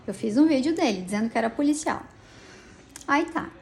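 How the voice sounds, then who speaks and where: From inside a police station, a weary middle-aged vlogger tells an emotional story of a personal conflict, rambling and agitated and frequently starting over. Her voice is high-pitched and expressive with a darkish tone, and she talks a little fast.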